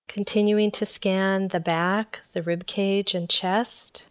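A woman with a mid-range voice and clean tone leads a guided body scan meditation, calm, measured and instructional.

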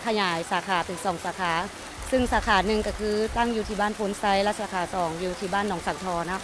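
Fast-talking woman restaurant owner. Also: mid-range voice, background noise. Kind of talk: interview answers. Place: outdoor restaurant at night. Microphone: handheld microphone.

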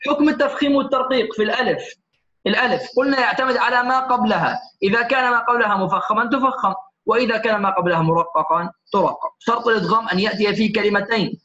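A man's voice: sits high, pushed and bright. A man teaching Quran recitation, going over test answers one by one and often checking in with "okay?". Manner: corrects answers one by one, often asks "تمام؟". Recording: echoey room, slightly dull lo-fi sound.

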